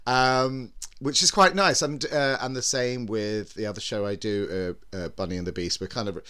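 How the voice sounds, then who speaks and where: A man's voice: mid-range voice, steady tone, moderate pace, sharp tone, clean tone. A man hosting a podcast as a drag performer, with a camp, theatrical way of talking. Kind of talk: theatrical show introduction and casual chat.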